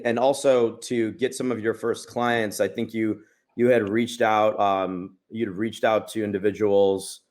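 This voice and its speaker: A man's voice: on the low side, darkish tone. A man moderating a panel discussion, asking long rambling questions that restart often.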